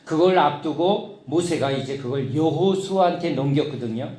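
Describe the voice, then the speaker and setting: A middle-aged male pastor preaching with a somewhat high voice, animated and storytelling. He acts out his own grumbling prayers with lively emphasis. The sound carries the echo of a church hall. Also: normal speed. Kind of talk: sermon.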